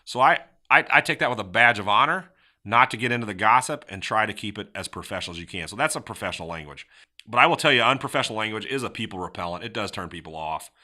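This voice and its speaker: A middle-aged podcast host with a lowish voice speaks fast, giving casual motivational sales advice. He's animated, acting out sample lines in shifting tones.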